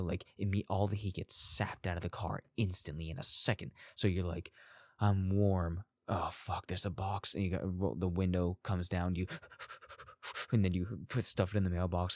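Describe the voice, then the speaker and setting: A man's voice: low-pitched, darkish tone, dry recording, studio quality. A man casually telling personal stories, rambling and profane, chuckling often as he goes. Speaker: storyteller.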